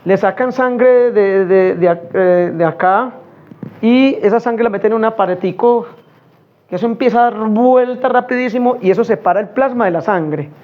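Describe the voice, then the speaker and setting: A middle-aged preacher with a high, light voice delivers a sermon in an easy conversational manner. He keeps turning to his listeners with questions. The sound is a little dull and lo-fi. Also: normal speed. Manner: conversational, asks the congregation questions.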